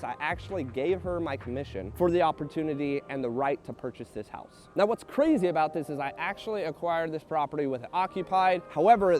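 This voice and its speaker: A man's voice: fairly high pitch, darkish tone. A man in his thirties telling his life story in an earnest, emphatic way, standing outdoors in front of a house. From Texas. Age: 30s. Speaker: real estate agent. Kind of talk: personal story vlog. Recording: music playing under the voice. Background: music.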